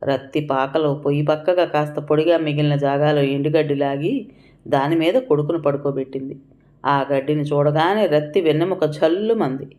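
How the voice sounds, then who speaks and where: A woman's voice: deep voice, moderate pace, mellow. A woman narrating a story as an audiobook, reading with feeling and taking on the characters' cries and pleas.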